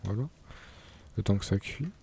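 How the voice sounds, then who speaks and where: A man's voice: lowish voice, normal speed, gravelly, mellow, slight background noise. A young man commenting casually on his gameplay, chatty, laughing and tripping over words. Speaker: gaming YouTuber.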